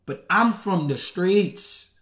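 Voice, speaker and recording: A man's voice: high-pitched, expressive, takes it slowly, fairly bright tone. A man hosting a casual livestream and reading viewer messages, talking in blunt, profane street slang. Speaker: channel host.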